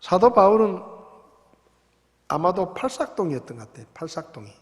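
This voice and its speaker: A male pastor preaching a sermon, shifting between quiet reflection and loud emphatic passages, recorded in a church sanctuary. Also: high voice, big pitch swings, a little fast. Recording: long reverb of a church hall.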